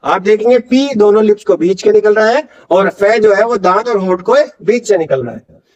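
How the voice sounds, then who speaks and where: Indian man, high voice, patient pronunciation tutor, slightly dull lo-fi audio. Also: darkish tone. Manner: slow, drawn-out model words for learners to repeat; patient, explanatory teaching. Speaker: English pronunciation teacher. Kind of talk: Hindi-language pronunciation lesson.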